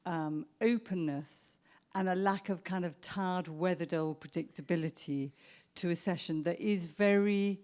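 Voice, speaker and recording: A woman psychotherapist answering an audience question, reflective and measured, often restarting her sentences. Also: on the low side, darkish tone. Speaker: psychotherapist speaker. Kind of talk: Q&A answer at a professional event.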